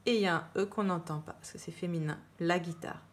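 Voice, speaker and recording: A woman's voice: lowish voice, fairly even intonation, slight background noise. A woman teacher giving a dictation lesson to children, repeating each word with emphasis and spelling it out letter by letter. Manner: slow, clear dictation, spelling words letter by letter. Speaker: primary school teacher.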